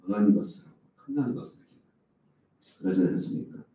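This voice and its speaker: Speaking at a normal speed in a low, warm voice, this male pastor delivers an early-morning sermon. He throws rhetorical questions at the congregation and voices complaints loudly as if quoting them, captured from a distance in a reverberant hall.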